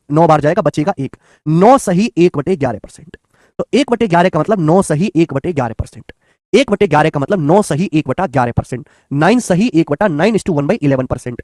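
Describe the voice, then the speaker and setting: A man's voice: sits high, darkish tone, no echo, studio quality. A man teaching math in an online exam-prep lecture, coaxing and repetitive, calling his students children and friends.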